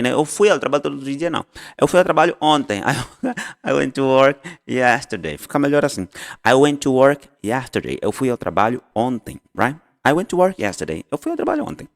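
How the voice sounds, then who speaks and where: Male English teacher, lively pitch, casual and repetitive, recorded with long reverb. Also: creaky. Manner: explains in Portuguese, models English phrases, repeats and self-corrects. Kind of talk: casual online lesson.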